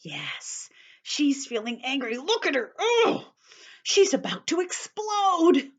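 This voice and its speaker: Taking it slowly, a woman with a high, very animated voice reads a picture book aloud for young children. She stops to explain words and sometimes whispers.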